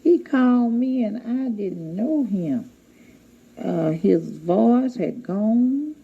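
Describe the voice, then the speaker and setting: A woman's voice: deep voice, vocal fry, mellow. An older woman telling a heartfelt, rambling family story in a casual way, acting out what people said. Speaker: interviewee recounting family memories. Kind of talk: casual spoken recollection. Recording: dull lo-fi archival recording.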